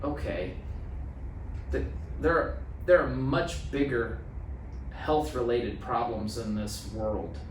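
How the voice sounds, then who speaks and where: This guest health practitioner, an American man in his thirties from a small town, speaks slowly at medium pitch with long pauses, plain-spoken and repeating phrases for emphasis on a casual podcast. The boom-arm podcast mic is far from him in a small office meeting room. The result is roomy, distant audio with faint noise.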